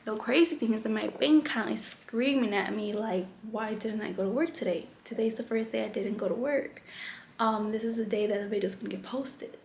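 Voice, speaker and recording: A young woman talks in a loose, candid vlog ramble, dropping "like" everywhere and restarting her thoughts. Her voice sits a little high, and the room rings with echo over a faint hum. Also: brisk, vocal fry, a little mellow. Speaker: vlogger. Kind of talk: casual chat.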